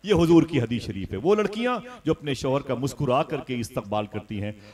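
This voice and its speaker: A man preaching a sermon at a live religious gathering, telling a story and swelling to loud cries as he urges the crowd to respond. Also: mid-range voice.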